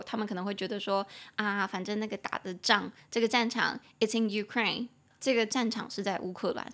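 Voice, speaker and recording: A woman with a Taiwanese Mandarin accent hosts a podcast that teaches English, reading English lines slowly before explaining them in casual Mandarin. Her voice sits in the mid-range and has a fairly bright tone.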